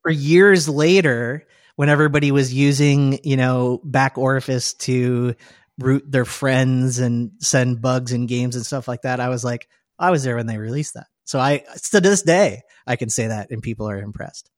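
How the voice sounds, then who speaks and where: A man's voice: mid-range voice, fairly even intonation, moderate pace, no room sound, studio quality. A man hosting a casual podcast conversation, reminiscing in a chatty way and laughing often. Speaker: podcast host.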